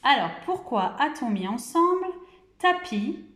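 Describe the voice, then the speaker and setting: A woman's voice: high-pitched, sing-song, a bit bright, echoey room. A woman from France, a kindergarten teacher, giving a recorded lesson and drawing out each syllable carefully. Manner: slow, carefully articulated, stretches out syllables. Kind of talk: recorded home-school lesson.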